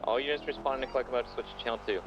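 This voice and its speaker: A man's voice: mid-range voice, steady tone, rapid-fire, over music. A man working as a police dispatcher in a roleplay game, giving clipped, businesslike calls over a walkie-talkie radio. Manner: clipped, businesslike call-outs. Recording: muffled radio with faint noise.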